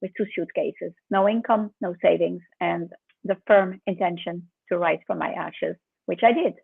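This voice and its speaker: A woman in her sixties with a French accent, a guest telling her story in a candid, measured way. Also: fairly low pitch, vocal fry, husky, dry recording. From France. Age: 60s. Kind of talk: conversational interview. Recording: dry tinny phone line.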